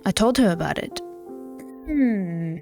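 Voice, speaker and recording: A woman's voice: mid-range voice, expressive, slow pace, over music. A woman playing through a story game, reading its text aloud and breaking off into sarcastic, rambling jokes. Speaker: gaming video creator.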